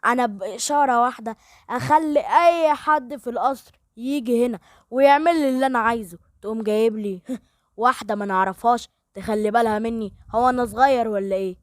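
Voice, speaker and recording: An irritable young man in a wheelchair barks orders as a woman puts him on. He speaks with an Egyptian Arabic accent in a quick, clipped rush, his voice sitting fairly high. The sound is dry and close, like a storybook recording. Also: no echo, natural voice. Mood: angry. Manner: snapping and bossy.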